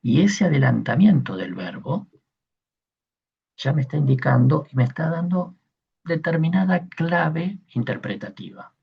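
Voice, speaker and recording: A male teacher gives a patient class, pausing often to check that his listeners follow. His voice is gravelly and very husky, and his speech is slow and unhurried. The sound is dull and lo-fi. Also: a little high, expressive. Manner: patient explaining, frequent checking questions. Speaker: teacher of Koine Greek. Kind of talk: online class lecture.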